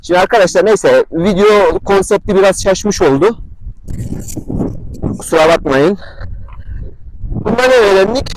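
Slow-talking man vlogging at a stable. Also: high-pitched, slight background noise. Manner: slow, coaxing and calling out to a horse, scolding it. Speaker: horse owner vlogger. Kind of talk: casual outdoor vlog, talking to his horse and viewers. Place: outdoors in the wind at a stable.

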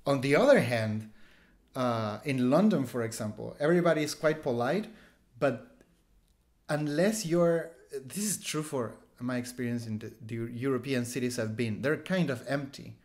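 A Chilean man in his thirties, a street photographer whose first language is Spanish, tells stories in English with a Chilean accent during a casual video-call interview on a headset. He rambles, restarts, leans on "like" fillers and gestures animatedly, speaking at medium pitch and normal speed from a small room at home, indoors.

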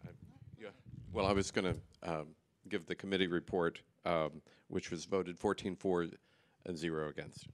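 A councilman giving a brief committee report in a halting way from the chamber floor. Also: low-pitched, steady tone. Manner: halting, hesitant with fillers. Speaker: budget committee chair.

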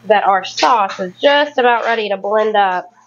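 This cooking vlogger, a woman in her thirties, talks loosely while making food at home, often self-correcting. Her voice is medium-pitched at a moderate pace; the audio has its highs cut off and a noisy background.

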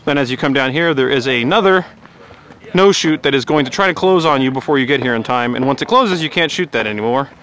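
Fast-talking man at a desert range. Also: medium pitch. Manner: quick, animated explainer. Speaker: host. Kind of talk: casual range chat and stage walkthrough. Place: outdoor desert shooting range.

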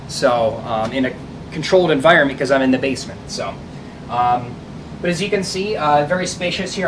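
A man with a slightly high voice rambles casually through a tour of his basement workshop, filling pauses with plenty of ums and uhs. The sound comes from a camera mic that moves around the room, with a faint background hum. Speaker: guitar builder showing his workshop.

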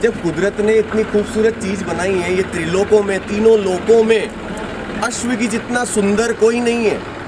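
A man's voice: sits high, fairly even intonation, moderate pace, noisy background. A man in his thirties with a Rajasthani Hindi accent, a stud farm owner earnestly explaining his horses outdoors, often saying "ठीक है". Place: sunny outdoor farm yard beside a horse.

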